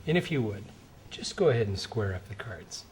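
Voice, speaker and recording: Middle-aged man, slightly low pitch, card magician patter, playful showman, conversational, audible background noise. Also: very animated, a little fast. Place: indoor studio set at a card table.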